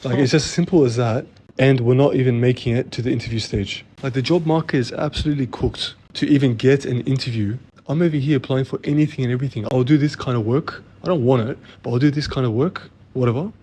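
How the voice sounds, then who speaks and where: A young man chatting casually as co-host, telling stories in slangy, animated talk. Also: medium pitch, fast, slight background noise. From Australia. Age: young adult. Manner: slangy, animated storytelling with lots of "bro" and "like". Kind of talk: casual chat.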